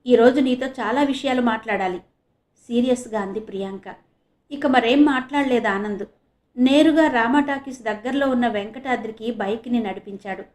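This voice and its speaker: A woman's voice: on the high side, a little mellow. Woman narrating an audio novel.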